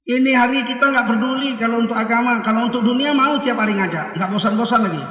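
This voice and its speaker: A man gives a humorous sermon, animating little scenes of everyday talk. His voice sits high and bright. He is recorded at a distance in an echoey hall. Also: fast. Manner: lively, acts out dialogues with raised voice. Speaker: preacher.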